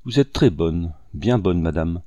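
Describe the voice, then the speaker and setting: A man's voice: low voice, expressive, a little slow, dark tone, dry recording, clean studio sound, pitched below the performer's own voice. A man reading the lines of a young noblewoman taken captive, in an earnest, emotional audiobook delivery.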